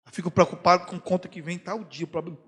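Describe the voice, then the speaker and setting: A man preaching a sermon as a pastor, animated, acting out prayers and talk in comic voices. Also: sits high, quick pace, slightly rough. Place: church hall. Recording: long church hall reverb.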